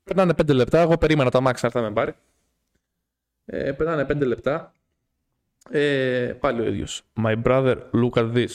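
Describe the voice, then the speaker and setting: A young man, co-host of a podcast, chatting casually in a studio as an animated storyteller who swears a lot. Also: mid-range voice, long pauses.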